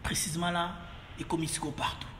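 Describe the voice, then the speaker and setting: Congolese man, casual rambling monologue, high-ish voice, long echoey reverb, switching French and Lingala. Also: flat delivery, brisk, noisy background. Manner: rambling, mixing French and Lingala, many fillers and repeats. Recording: roomy echo, long reverb, faint ambience.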